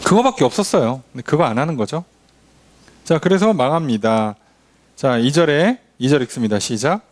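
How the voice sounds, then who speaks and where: A man's voice: medium pitch, animated, normal speed. A man, a pastor, teaching a midweek Bible study in a conversational way, often asking the congregation questions and acting out quoted lines. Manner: frequent affirming fillers and questions to the congregation.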